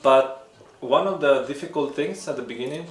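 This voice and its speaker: A man from Mexico co-hosts a relaxed chat, telling stories in an easygoing way and laughing as he goes. His voice sits at an average pitch and echoes in a roomy space. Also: moderate pace. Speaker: co-host. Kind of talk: casual chat.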